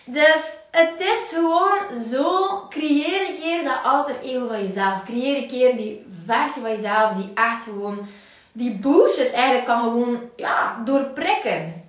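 Energetic Flemish woman, high voice, echoey room. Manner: energetic, acts out inner voices, laughs often. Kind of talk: livestream motivational talk. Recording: very echoey room, mic at a distance.

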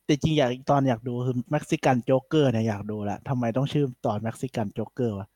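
A man's voice: medium pitch, normal speed, dry recording. Chatty man, podcast host, dry sound. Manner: chatty, animated retelling with many fillers. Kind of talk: casual podcast chat.

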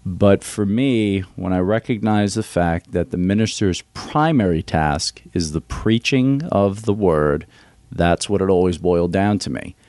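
Very deep voiced guy, earnest answers, no room sound at all. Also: unhurried, a little mellow, no echo. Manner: earnest, explains his reasons plainly. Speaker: seminary graduate. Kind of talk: interview answers.

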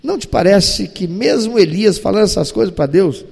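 A man preaching a sermon in a church, dramatic and animated, acting out scenes as he talks. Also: high voice, normal speed, vocal fry, husky, big-room sound. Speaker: pastor.

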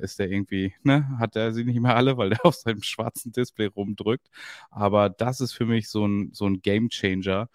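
Man, podcast co-host, low voice, dry sound, relaxed and slangy. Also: no room sound. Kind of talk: casual chat.

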